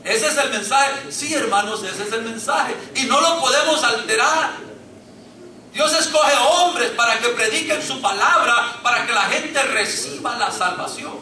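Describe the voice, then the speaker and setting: In a church sanctuary, a pastor with a Latin American Spanish accent fervently preaches to his congregation, whom he calls brothers. His extremely high, sharp voice moves at a measured pace. The mic sits at a distance in the echoey room, with slight background noise.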